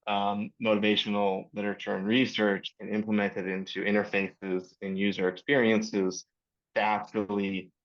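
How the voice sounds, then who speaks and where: A man explaining ideas on a livestream panel, talking quickly with many fillers. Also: on the low side, level tone, highs cut off. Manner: fast, filler-heavy explaining. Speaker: panel co-presenter. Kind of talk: casual panel discussion.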